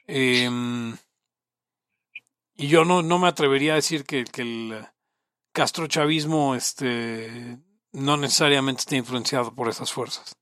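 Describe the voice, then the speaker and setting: A man's voice: medium pitch, measured pace, a bit bright, no echo, studio quality. A man with a Mexican accent hosting a podcast in casual chat, talking loosely and reading listener questions. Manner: chatty, reads listener questions aloud. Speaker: podcast host.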